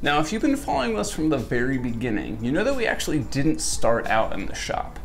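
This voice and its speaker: A man's voice: mid-range voice, huge pitch swings, fairly quick, gravelly, faint music behind. A young man in his twenties, host of a woodworking channel, giving a casual, friendly tour of his small garage workshop with a dry sense of humor, on a lapel mic. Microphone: wireless lapel mic.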